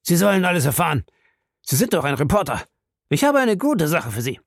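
A man's voice: on the high side, moderate pace, gravelly, no echo, clean studio sound, pitched above the performer's own voice. A man reading an audiobook, voicing a bitter, agitated old man with a grey beard. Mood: eager.

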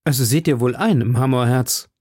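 A man voicing an impetuous young swordsman in an audiobook, speaking urgently and a little higher than his narration. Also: moderate pace, darkish tone, slightly rough, dry recording, studio quality, close to an everyday voice. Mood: earnest. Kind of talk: audiobook character voice.

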